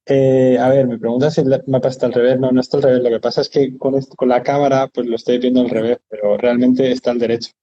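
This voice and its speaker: A man hosting a casual live video chat, relaxed and talkative, with some mild swearing. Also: mid-range voice, quick pace, hardly any pauses, muffled recording. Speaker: host.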